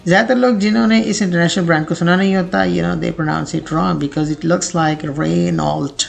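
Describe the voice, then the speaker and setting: Male online teacher with a gravelly voice, who slowly repeats every word. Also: high-pitched, fairly even intonation, faint music behind. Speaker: pronunciation teacher. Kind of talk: video pronunciation lesson.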